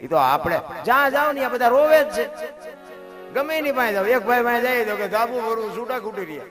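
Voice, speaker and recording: A middle-aged man with a Kathiawadi Gujarati accent gives a folksy devotional talk, going from loud exclamations to low, quiet asides. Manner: folksy, addresses listeners as bapu. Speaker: devotional storyteller. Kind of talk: devotional folk discourse. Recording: live recording with instrumental music behind. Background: instrumental music.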